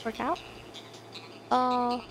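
A young woman in her twenties, Tagalog her native language, chats aimlessly with many fillers while playing a life-sim game on stream from her bedroom, wearing a headset as game music plays. She talks extremely slowly in a fairly high, flat voice, on a rough recording with a little hiss or hum.

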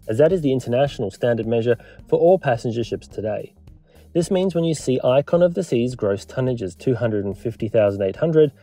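A man narrates a scripted explainer in a measured, lightly wry way, much like a historian delivering a lecture. His medium-pitched voice is warm and mellow with a slightly husky edge, and soft music plays beneath him.

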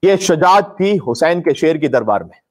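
A man with a fairly high, slightly mellow voice preaches an impassioned sermon at a moderate pace, sounding expressive and emphatic. His delivery is declamatory and mournful, like storytelling. He's live-streaming from an indoor room hung with religious banners.

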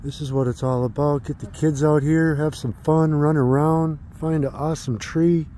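A man's voice: on the high side, steady tone, normal speed, warm tone, slight background noise. A man in his thirties, vlogging enthusiastically outdoors at a tree farm into a phone held at arm's length. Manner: enthusiastic, chatty, exclaims often. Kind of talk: casual vlog narration.

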